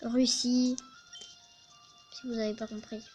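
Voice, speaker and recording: A woman giving casual, excitable let's play commentary, chatting to her team and swearing at opponents. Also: a little high, slow, loud music behind the voice.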